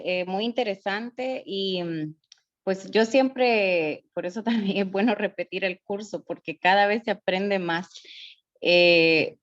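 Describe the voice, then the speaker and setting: A woman student asks a question during an online class, hesitating and starting over as she searches for her words. Her call audio sounds dull and lo-fi. It is dry, with no room echo. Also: mid-range voice. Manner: hesitant, many fillers and restarts.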